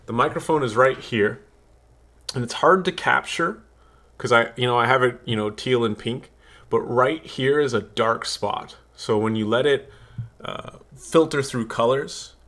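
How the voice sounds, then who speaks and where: A man's voice: medium pitch, a bit bright. A man giving a casual, candid review of a product, talking in a chatty way with blunt opinions, into a desktop USB condenser microphone.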